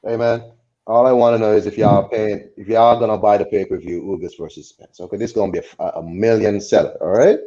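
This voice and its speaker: Mellow, low man on a dull lo-fi line. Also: steady tone, a little fast. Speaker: boxing podcast co-host. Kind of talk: casual chat.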